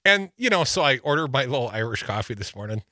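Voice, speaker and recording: A man's voice: medium pitch, big pitch swings, quick pace, bright, forceful tone, dry recording, studio quality. A man from Wisconsin co-hosting a political talk show, reading news items aloud with wry, joking asides. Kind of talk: casual political banter.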